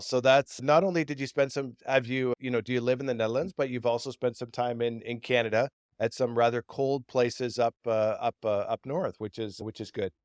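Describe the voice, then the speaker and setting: Brief: male podcast host, mid-pitched, dry close sound, rambling questions. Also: dry recording. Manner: repeats words, rambling questions. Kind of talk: interview.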